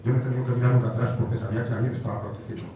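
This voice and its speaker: A middle-aged man delivers an emotional farewell speech from a podium, his voice at an ordinary pitch. He was recorded from across a large stone banquet hall, so his voice rings with heavy echo. A steady hiss of noise sits under it. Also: rapid-fire, recorded from a distance, muffled recording. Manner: emotional, heartfelt, with repeated phrases and asides. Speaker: federation president giving a farewell speech. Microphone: podium microphone, recorded by a far camera. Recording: echoey hall recorded from afar, noisy.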